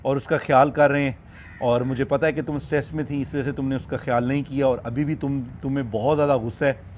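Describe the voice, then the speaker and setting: A man of middle pitch talks outdoors at his animal farm. He soothes and coaxes the animals gently and speaks sorrowfully to his viewers, with faint noise behind him. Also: steady tone, quick pace. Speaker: wildlife farm owner and vlogger. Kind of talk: casual vlog talk to camera.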